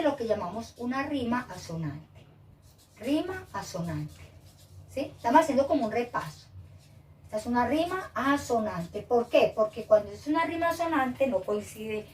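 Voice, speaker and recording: Lively, high-voiced woman teaching children. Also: echoey room, far from the mic. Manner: lively, questioning, keeps asking "¿cierto?"; reads poem verses aloud slowly. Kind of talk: children's lesson.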